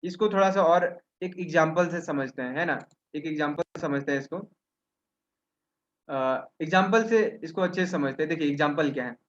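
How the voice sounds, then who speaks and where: High-voiced man teaching over a webinar. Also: moderate pace, lo-fi sound. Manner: asks himself questions and answers them, with frequent "है ना?" tags. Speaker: webinar trainer. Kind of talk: explanatory teaching talk. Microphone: video call.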